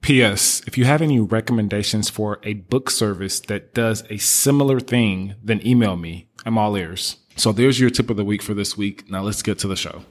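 Upbeat low-voiced male podcast host. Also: normal speed, few pauses. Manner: upbeat, motivational, addresses listeners as guys. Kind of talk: casual business podcast talk.

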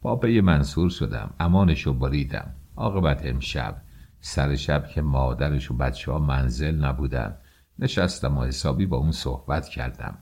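A man narrating an audiobook with steady storytelling. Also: very deep voice, creaky, husky.

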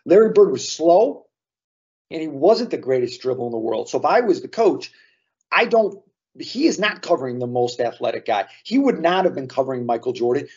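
Podcast co-host guy, raspy and a bit high, earnest, sounds muffled lo-fi. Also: a little mellow. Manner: earnest, drawing lessons from sports memories. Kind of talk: casual podcast chat.

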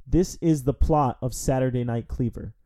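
A man's voice: medium pitch, normal speed, dark tone. A man hosting a film review podcast, recapping a plot in a rambling, wry, casual way. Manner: rambling, wry, with frequent fillers.

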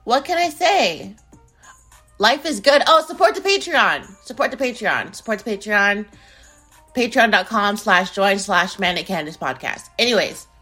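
A woman in her twenties hosting her own podcast in casual, playful chat that swings between loud bursts and low mumbles. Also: animated, moderate pace, husky. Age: 20s. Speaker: podcast host. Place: home in Arizona. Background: music beat playing.

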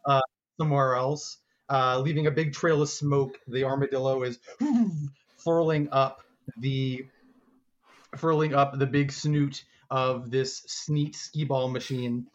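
A man narrating a tabletop game as game master, animated and laughing as he describes the scene. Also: medium pitch, highs cut off. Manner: animated, laughing, doing quick voices for crowd figures.

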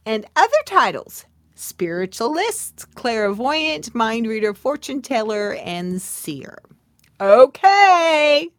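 Slow, playful woman podcast host. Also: a little high, very animated, a bit bright, no room sound. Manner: playful, chatty, talks straight to listeners with asides and laughs; drops to whispers for emphasis. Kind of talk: casual podcast monologue.

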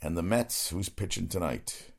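A man's voice: deep voice, lively intonation, moderate pace, creaky. A man hosting his own sports podcast, rambling casually from topic to topic and swearing freely. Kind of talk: casual solo sports talk.

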